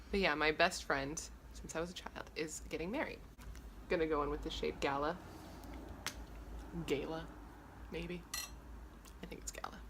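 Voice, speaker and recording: Low voiced girl late 20s doing her makeup and rambling, swears a lot, faint room hum. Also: steady tone, unhurried, pauses often. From Los Angeles, USA. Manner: rambling, candid, swears freely. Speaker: beauty vlogger. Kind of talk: casual chat while doing makeup. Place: bedroom, indoors. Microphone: camera in front at close range.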